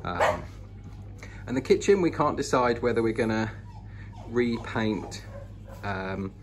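This is a vlogger's house tour: a British man ambles through an old house, chatting eagerly and informally. His fairly low voice is animated but slow-paced. The handheld recording picks up plenty of indoor noise.

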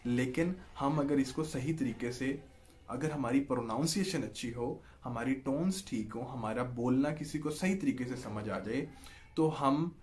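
A man with a Pakistani Urdu accent teaches an online lesson in an unhurried, explanatory way. His voice sits at an ordinary middle pitch. He keeps pausing to check that the listener is following. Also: a little mellow. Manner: patient, repeats "ठीक है जी" to check in, draws out example sounds. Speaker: language teacher.

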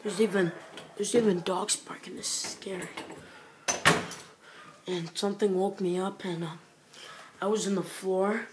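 A woman's voice: medium pitch, fairly even intonation, unhurried, long pauses, noisy background. A woman recording a late-night video diary, talking in frightened whispers and stammering often. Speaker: vlogger.

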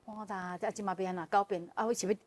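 A woman as a guest telling a personal story in casual chat, animated and often laughing as she relives the emotion. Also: mid-range voice, fast talker. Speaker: guest sharing a personal testimony.

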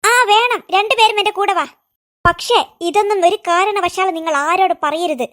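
A woman's voice: very high voice, normal speed, fairly bright tone. Woman doing a grumpy scheming cartoon aunty. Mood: vengeful, grumbling. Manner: grumbling, scheming. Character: cross middle-aged aunty, sulky and vengeful. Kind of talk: cartoon voice acting.

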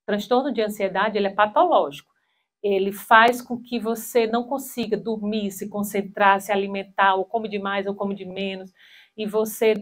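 A woman in her thirties giving a spiritual talk with personal stories on a handheld mic in a small hall, animated and acting out quoted voices. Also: medium pitch.

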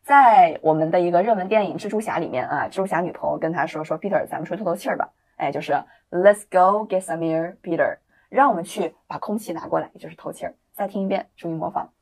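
A woman teaching English in a video lesson, explaining with encouragement and reading example sentences slowly and clearly for learners to repeat. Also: fairly low pitch. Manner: explains in lively, encouraging classroom talk.

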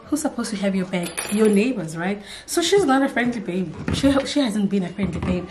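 Animated and chatty, a young vlogger tells a story to the tripod camera in her home kitchen and living room, mixing in Setswana phrases. She speaks at a moderate pace in a mid-range voice, with some background noise.

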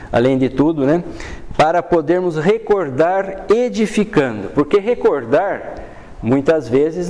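Older Brazilian man teaching with a mellow voice. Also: mid-range voice. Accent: Brazilian Portuguese. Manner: reads passages then explains them in a calm, unhurried way, with frequent "né". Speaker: study group teacher. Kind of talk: reading aloud and explaining a spiritist book. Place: dim classroom with a projector screen.

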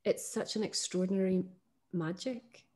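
A middle-aged woman with a Northern English accent talks about poetry in a relaxed conversation. She is thoughtful and enthusiastic, with a medium voice, little fillers and soft laughs. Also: medium pitch, moderate pace. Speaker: podcast host.

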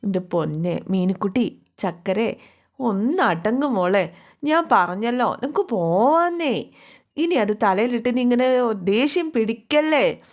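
A woman's voice: fairly high pitch, expressive, a little slow. A woman voicing a patient young husband who coaxes and placates his angry wife. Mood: soothing. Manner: coaxing, placating.

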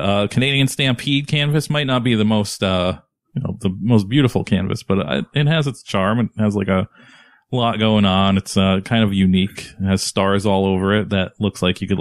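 A man with a very low voice rambles through a casual podcast chat, swearing freely and breaking into laughter. His voice sounds close and dry, with no room around it. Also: no echo. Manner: rambling, profane, laughs often. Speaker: podcast co-host.

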